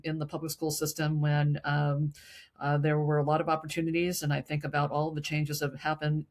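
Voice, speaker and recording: A woman from San Francisco giving a halting opening statement at a candidate forum, with frequent uh and um fillers. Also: sits low. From San Francisco, California. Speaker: gubernatorial candidate.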